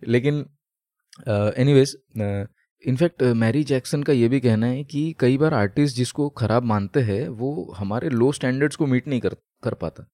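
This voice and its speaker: A man's voice: mid-range voice, measured pace, mellow, no room sound, studio quality. A man co-hosting a casual podcast, explaining at length with many fillers and English phrases mixed in. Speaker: podcast co-host. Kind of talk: casual chat.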